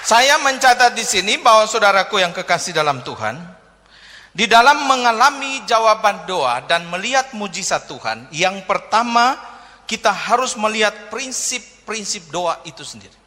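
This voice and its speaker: A man's voice: high-pitched, very animated, normal speed, bright, forceful tone. A man, a pastor, preaching a humorous sermon, telling jokes and stories and acting out the people in them. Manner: joking, storytelling, acts out characters in quotes. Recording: long reverb of a hall.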